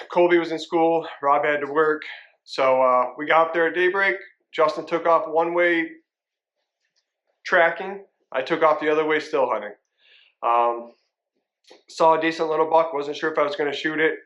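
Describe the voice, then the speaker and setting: A man hosting a vlog, telling a hunting story in a relaxed, rambling way. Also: on the high side, dull audio. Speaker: vlog host and hunter. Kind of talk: casual vlog intro.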